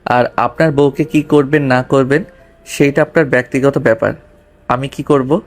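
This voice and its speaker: A man playing a calm, firm young husband and gentle father in an audio drama. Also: medium pitch, normal speed, lightly acted. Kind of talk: Bengali audio drama acting.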